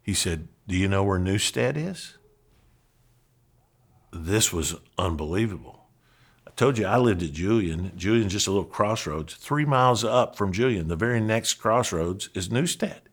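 A middle-aged man with a Southern accent from Kentucky, a pastor telling a personal story in an earnest, animated way with frequent restarts. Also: on the low side, moderate pace, slightly rough. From Western Kentucky, USA. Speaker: pastor and podcast host.

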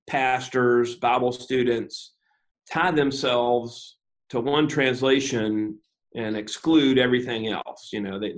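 Speaking at a medium pitch, a man who serves as a pastor walks an interviewer through his views methodically and with measured care. He often hesitates with uh and um, and he shows some self-deprecating humor.

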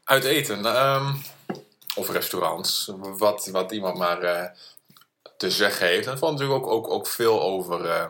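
A man co-hosting a casual podcast, announcing segments with hesitant pauses and fillers. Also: deep voice, pushed and bright. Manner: hesitant, many filler pauses while moderating. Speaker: podcast co-host leading segments.

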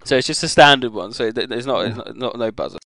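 A man's voice: medium pitch, lively intonation, quick pace, creaky, bright, forceful tone, slight background noise. A man hosting a casual group chat, talking informally and jokily into a close microphone. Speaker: quiz host and podcast panellist.

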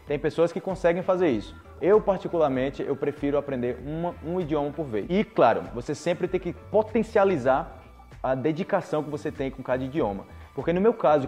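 Speaking in a slightly high, somewhat mellow voice, a young man with a Brazilian Portuguese accent gives casual advice to camera as a language teacher. He is direct and persuasive, repeating words to stress his points.

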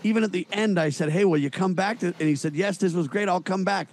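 A man's voice: high-pitched, quick pace, a little mellow. A man appearing as a guest on a political talk show, talking bluntly and cracking jokes. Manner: blunt, wisecracking. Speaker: guest host of another show.

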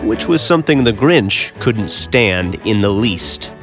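A man reads a rhyming children's storybook aloud in a warmly paced, sing-song voice. His pitch rises and falls widely as he plays up repeated words, and festive music with jingle bells plays clearly behind him. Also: measured pace. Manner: expressive, sing-song rhyming delivery with playful repetitions. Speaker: storybook narrator. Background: background music with jingle bells.

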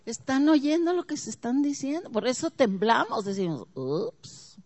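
Woman preacher, slightly high voice, dramatic delivery that drops to a hush and rises to near shouts, quizzes the congregation. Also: expressive, moderate pace. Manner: dramatic, swings from hushed to loud; asks the audience questions. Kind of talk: sermon.

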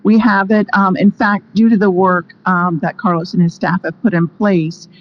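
A woman giving a hesitant explanatory answer as a staff official at a meeting. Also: lowish voice. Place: indoor committee meeting. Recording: dull meeting audio, faint noise.

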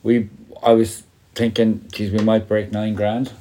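A man's voice: on the low side, level tone, unhurried, dark tone. A man in his forties with a west of Ireland accent, bantering casually as a jokey, sweary podcast host. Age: 40s.

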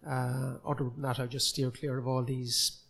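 A man's voice: medium pitch, little pitch movement, normal speed, gravelly, a bit bright. A man in his forties from Cork with a Cork Irish accent, a comedian guest chatting on a podcast, earnest and self-deprecating. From Ireland, Cork City. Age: 40s. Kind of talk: casual podcast chat. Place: comedy club recorded live.

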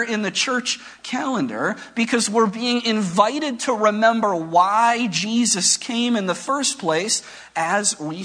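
A man's voice: high voice, sharp tone. A male pastor giving a conversational, reflective sermon, asking his congregation rhetorical questions.

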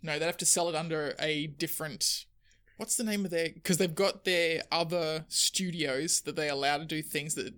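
A podcast co-host in casual chat, teasing in a dry, deadpan way. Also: mid-range voice, moderate pace.

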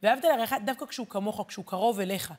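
Woman, Torah lesson, animated, emphatic, repeats herself while thinking, mid-range voice. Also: mid-range voice. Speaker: teacher and journalist.

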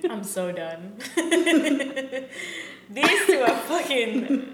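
A woman's voice: high-pitched, very animated, very slow, echoey room, a crowd in the background. A woman in her twenties hosting a casual podcast chat, laughing often and swearing freely, sitting far from a shared mic. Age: 20s. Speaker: podcast host.

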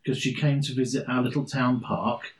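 A man's voice: mid-range voice, fairly even intonation, normal speed, low-quality recording. A middle-aged man from London with an English accent, a stand-in guest telling long stories in a dry, self-deprecating way on a casual podcast. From London, England.

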